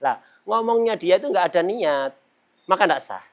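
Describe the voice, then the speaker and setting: A man teaching a religious lesson, playful and quick to laugh, mimicking people for examples. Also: sits high, expressive, muffled recording. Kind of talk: kitab study lesson.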